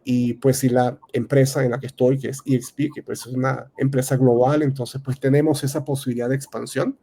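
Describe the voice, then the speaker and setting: A man in his thirties with a Venezuelan accent, a real estate advisor answering interview questions in a halting way, full of fillers and restarts. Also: mid-range voice, flat delivery, dark tone, slightly rough. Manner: hesitant, many fillers and restarts. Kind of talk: casual interview talk.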